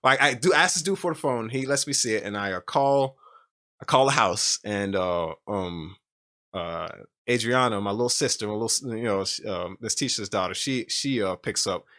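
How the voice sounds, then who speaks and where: A man's voice: lowish voice, normal speed, bright, forceful tone. A man telling a personal story in casual chat, rambling and emotional, with many restarts and fillers. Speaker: podcast guest.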